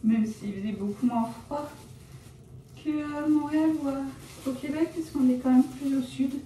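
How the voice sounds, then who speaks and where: Dyeing her hair indoors at home, a young woman vlogs in a high-pitched, mellow voice at a normal pace. She wanders from point to point, corrects herself, and leans on fillers such as "genre" and "euh," calling herself shy and reserved. The distant, roomy mic picks up slight background noise and faint ambience.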